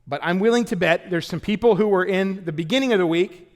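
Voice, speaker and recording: A man preaching a sermon in a conversational, joking way, with sudden loud bursts. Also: sits high, fast, big-room sound. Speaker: pastor. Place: church auditorium.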